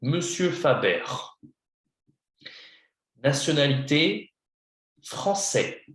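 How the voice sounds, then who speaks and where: A man's voice: on the high side, big pitch swings, drawn-out words, a bit bright, reverberant. A man teaching a beginner French lesson, patient, spelling words out letter by letter and slipping into English to explain. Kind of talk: one-on-one beginner lesson, slow and repetitive.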